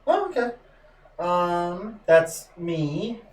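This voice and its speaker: A man's voice: high voice, sing-song, very slow, a crowd in the background. Casual male player at a game table. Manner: casual, asks rule questions. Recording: roomy, distant mic with clear background noise.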